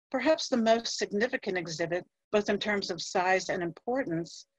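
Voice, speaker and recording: Working from notes, a female museum curator delivers a scripted talk on history at a measured pace, letting a few fillers slip in. She speaks at medium pitch. The recording is dry and low in quality.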